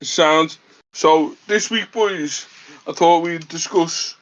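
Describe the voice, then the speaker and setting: A man's voice: a little high, slow, a bit bright, muffled recording. A man hosting a podcast in a casual, conversational style. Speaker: podcast host. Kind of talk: casual chat.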